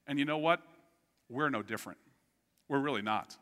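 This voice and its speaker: A middle-aged man preaching a sermon as pastor, telling stories with animated swings from loud outbursts to hushed, quiet lines. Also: medium pitch, normal speed. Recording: long hall reverb.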